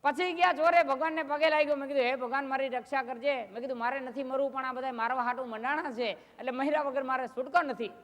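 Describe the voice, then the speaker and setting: A man's voice: very high-pitched, steady tone, fast talker, hardly any pauses, fairly bright tone. A man telling comic stories on stage, chatty and anecdotal, acting out his neighbours' questions. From Gujarat, India. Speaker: folk comedy storyteller. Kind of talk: live stage comedy storytelling. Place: live stage show. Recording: long hall reverb.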